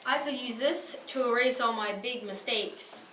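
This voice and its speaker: A woman's voice: fairly high pitch, unhurried. A woman giving brief playful improvised answers. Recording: echoey room, distant mic, noisy.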